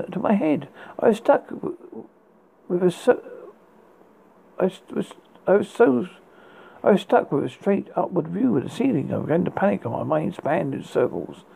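Very gravelly, husky horror storyteller. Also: medium pitch, very animated, dark tone, poor audio. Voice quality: raspy, gravelly. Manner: halting reading with stumbles and repeats. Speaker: horror host reading stories and verse. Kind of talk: dramatic gothic horror narration.

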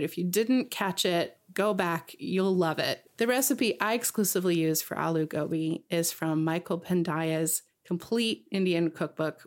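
A woman co-hosting a podcast, narrating food history from a script with enthusiasm and lingering over ingredient lists. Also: lowish voice. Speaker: podcast co-host.

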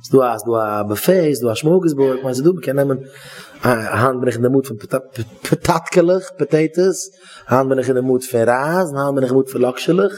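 A man's voice: medium pitch, fast talker, a little mellow. Rambling man giving a Yiddish sermon. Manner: rambling, repeats himself, searches for words. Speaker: rabbi giving a talk.

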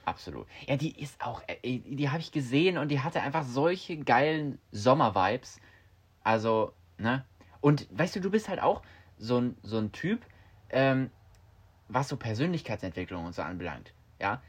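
A young adult man co-hosting a casual podcast. He talks in a relaxed, rambling way, full of little fillers and English slang, with a voice at an ordinary middle pitch. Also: normal speed, husky. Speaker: podcast co-host. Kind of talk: casual chat.

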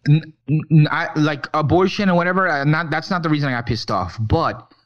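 A man's voice: on the high side, brisk, fairly bright tone, highs cut off. A man co-hosting a podcast, chatting casually about film and talking in rambling, profane bursts full of restarts. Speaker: podcast co-host.

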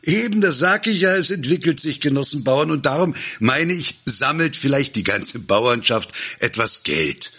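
A man's voice: fairly low pitch, very animated, a little slow, bright, forceful tone, breathy edge, heavily acted. A man voicing a boastful, clumsy male village guard who rambles through a speech to farmers. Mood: blustering. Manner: pompous, rambling, flustered.

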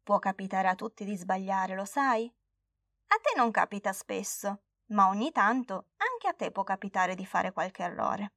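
A woman voicing a serene old grandmother in a storybook, speaking softly and calmly to reassure a child. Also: medium pitch, moderate pace, no echo, clean studio sound. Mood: reassuring. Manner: soft, calm and reassuring.

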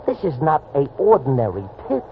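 Old radio racetrack tout: eager, wheedling, lively highish voice, muffled noisy recording. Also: male voice, a little fast. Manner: wheedling, stilted slangy phrasing. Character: eager, shifty small-time racetrack tout. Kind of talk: old-time radio drama acting.

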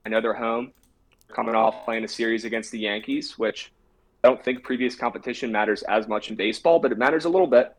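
A man's voice: medium pitch, steady tone, fast, poor audio. A man co-hosting a casual sports betting show, talking through his picks with brash confidence.

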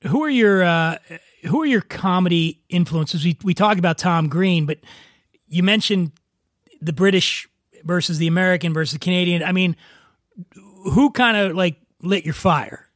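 A man with a raspy voice, hosting a casual interview as a podcast host. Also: high-pitched, normal speed, a bit bright, dry recording, studio quality.

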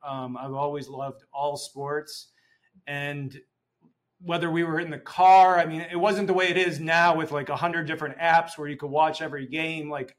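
A man from Chicago talking as a guest on a podcast, relaxed and chatty, often repeating a word as he tells a story. His voice sits a bit higher than most men's. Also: rough recording. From Chicago, United States. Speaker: podcast guest, functional medicine doctor. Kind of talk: casual interview chat.

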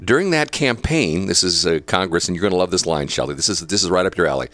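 A talk show host man with a low voice that moves animatedly up and down as he reads news items aloud. He breaks into opinionated asides and chuckles between points, recorded close and dry in a studio. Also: animated, fast, a bit bright, dry recording. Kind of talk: casual talk radio commentary.

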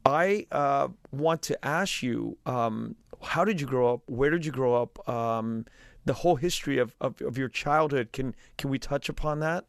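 A man hosting an interview, asking questions in a halting, careful way with frequent restarts. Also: mid-range voice, creaky, clean tone, no echo, clean studio sound. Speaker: podcast host.

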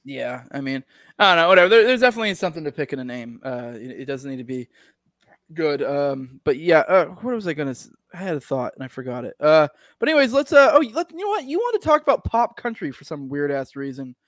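A man from Maine with a slightly high voice talks loosely and with strong opinions on a podcast, laughing often and swearing freely. The sound is close and dry. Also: big pitch swings, fast, a bit bright, dry recording. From Maine, United States. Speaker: podcast co-host. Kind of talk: casual conversational podcast chat.

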